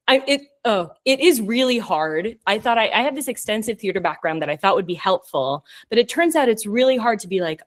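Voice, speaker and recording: A young woman poet reading her own poems at a virtual launch, joking between earnest readings. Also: medium pitch. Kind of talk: virtual poetry reading with banter.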